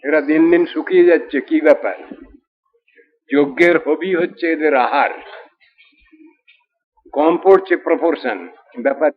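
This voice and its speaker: A man delivers a devotional discourse in a slightly higher-pitched voice, retelling a scripture story in a steady narrative way. He slows down deliberately whenever he chants a Sanskrit verse. The recording sounds dull and lo-fi. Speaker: preacher.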